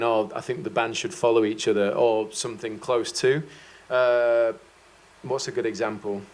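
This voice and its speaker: Relaxed, rambling male guitar teacher. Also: medium pitch. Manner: relaxed and rambling, with self-deprecating jokes. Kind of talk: casual explanatory chat.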